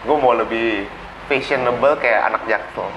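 A man's voice: medium pitch, normal speed. A man in his late twenties with a Jakarta accent, chatting casually in Jakarta slang sprinkled with English words. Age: late 20s. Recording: muffled, echoey, noisy location with vehicle sounds.

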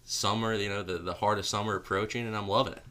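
A man's voice: lowish voice, steady tone, fast talker, bright, forceful tone. A man, co-hosting a casual podcast in an easygoing, chatty way. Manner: easygoing, reminiscing, says "man" and "dude". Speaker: podcast co-host. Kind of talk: casual chat.

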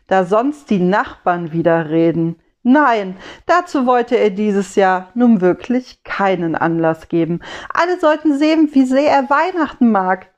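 A woman storyteller reciting a rhymed Christmas poem in a measured way, on a slightly dull lo-fi recording. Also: mid-range voice, darkish tone. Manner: slow, measured rhyming recitation.

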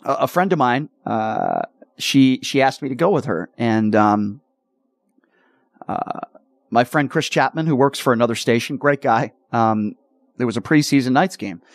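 A man hosts sports talk radio in a mid-range voice with lively intonation and no audible room sound. He sounds earnest and halting, repeats words, and is choked up with emotion.

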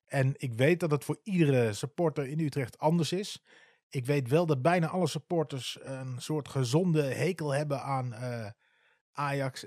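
A man's voice: medium pitch, darkish tone, no echo, studio quality. A man in his forties from the eastern Netherlands, telling his story in a candid, casual way with many hesitant filler sounds. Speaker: football club supporter.

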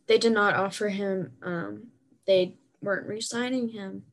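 A young woman chatting casually about hockey with friends, animated and full of fillers. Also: mid-range voice, measured pace.

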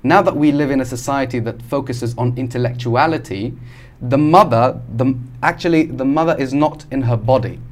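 A man's voice: mid-range voice, moderate pace. Male podcast guest from Algeria, explanatory, casual, frequent restarts. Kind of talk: casual conversation.

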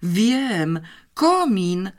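An audiobook narrator voicing a quick-witted, confident schoolgirl who talks eagerly. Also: mid-range voice, lively intonation, lightly acted. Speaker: child character in an audiobook. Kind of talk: audiobook character reading.

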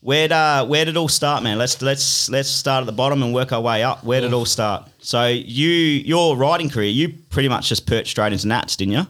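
A young Australian man hosts a casual studio podcast, nursing a hangover. His voice sits at an average male pitch. He talks in loose, slangy, laddish banter with some swearing as he interviews. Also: fairly quick, few pauses, a bit bright. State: hungover. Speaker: podcast host.

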